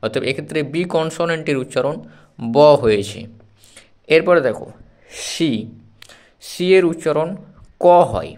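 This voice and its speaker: A man's voice: a little high, expressive, moderate pace, pauses often. Patient man teaching letter sounds. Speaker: English teacher. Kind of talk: phonics lesson for children.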